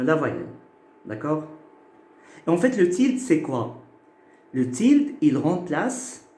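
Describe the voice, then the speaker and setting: Guy teaching a lesson, slightly high voice, real slow and patient. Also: dark tone. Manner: slow, patient, checks in with "ok?" and "d'accord?". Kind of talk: phonetics lesson to camera. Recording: echoey room.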